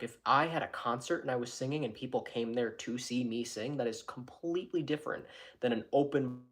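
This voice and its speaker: Guy rambling on his vlog from his room, mid-pitch voice, keeps restarting sentences. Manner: rambling, with many restarts and self-corrections. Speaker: YouTuber. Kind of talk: casual vlog chat.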